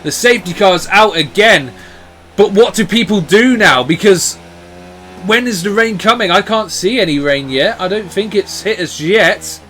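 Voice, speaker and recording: A man commentating live on motor racing as a motorsport commentator, in an excitable, exclamatory way. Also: high-pitched, normal speed, slight background noise.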